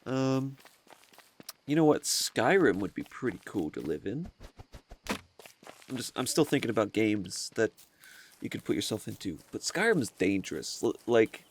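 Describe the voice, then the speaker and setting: A man hosting a casual let's-play, thinking aloud as he plays and often rambling and correcting himself. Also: mid-range voice. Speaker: gaming video host.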